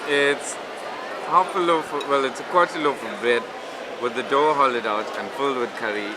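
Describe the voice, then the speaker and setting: A man's voice: medium pitch, normal speed, background noise. A man chatting casually as a local guide, joking and irreverent. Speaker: couch surfing host and local guide. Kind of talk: casual chat.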